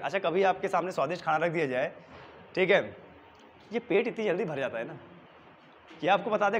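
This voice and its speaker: A man's voice: fairly high pitch, slight background noise. A young male teacher who drills exam vocabulary with repeated questions and answers in a coaching classroom. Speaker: English teacher. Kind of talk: exam-prep vocabulary lesson.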